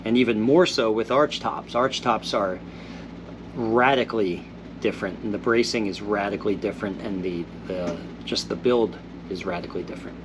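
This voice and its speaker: Still a bit congested from being sick, this man hosts a viewer Q&A, reading comments aloud and answering them in an easygoing, thoughtful manner. His voice is lowish and his pace moderate, with a noisy background behind him.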